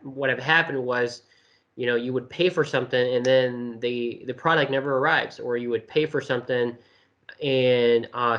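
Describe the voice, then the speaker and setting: A man's voice: mid-range voice, a bit bright, muffled recording. Hesitant man from China explaining. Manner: hesitant, many fillers and restarts. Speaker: interview guest. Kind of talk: casual explanatory interview talk.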